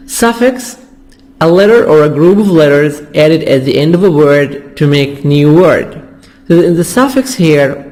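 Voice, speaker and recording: Arabic-speaking male English teacher, slow, higher voice, repeats each word for drilling. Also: a little mellow. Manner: repeats words slowly to drill pronunciation. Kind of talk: vocabulary lesson explanation.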